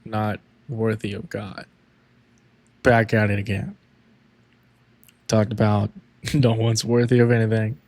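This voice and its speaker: A man co-hosting a faith podcast, talking in a halting, reflective way about his own struggles. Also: lowish voice, flat delivery, a little mellow, dry recording. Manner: slow, reflective, halting, with frequent "yeah" backchannels. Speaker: podcast co-host. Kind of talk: casual faith talk.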